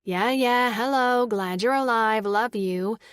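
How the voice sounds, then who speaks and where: Woman playing a young human mother, warm, outspoken, fairly high voice, dry close audiobook sound. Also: takes it slowly, smooth, no echo. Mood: exasperated.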